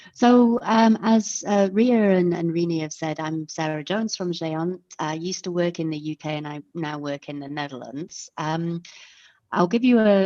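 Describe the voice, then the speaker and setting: Speaking in a low, darkish voice, a female webinar presenter gives a friendly, step-by-step online lecture in her native English. The audio is dry and sounds like dull, lo-fi call sound.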